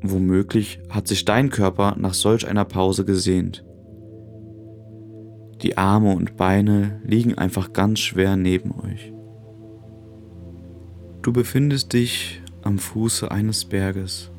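A man narrating a guided relaxation in a calm, gentle, soothing way, with long pauses. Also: low voice, faint music behind. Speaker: podcast host.

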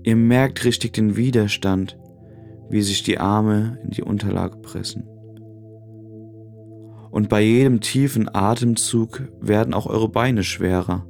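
A man narrating a guided relaxation in a calm, gentle, soothing way, with long pauses. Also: fairly low pitch, gravelly, faint music behind. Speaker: podcast host.

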